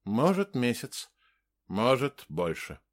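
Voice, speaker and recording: A man's voice: mid-range voice, very animated, slow. A man reading an audiobook and voicing an anxious, earnest male doctor who speaks in a raised, eager voice and often hesitates. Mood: hesitant. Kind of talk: audiobook character voice.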